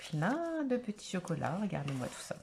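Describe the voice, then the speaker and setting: A woman's voice: lowish voice, very animated, brisk, gravelly, a little mellow, slight background noise. A woman vlogger opening craft mail in a casual chat to camera, gushing and exclamatory, full of little fillers.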